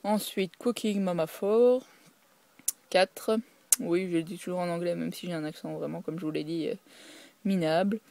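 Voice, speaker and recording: A woman talks through her collection in a relaxed, casual presentation, stopping often with fillers and restarting her sentences. Her voice is mellow and warm, and the sound is dry and close. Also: fairly low pitch, moderate pace, vocal fry, no echo. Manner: hesitant, many fillers and restarts. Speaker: video creator showing her game collection.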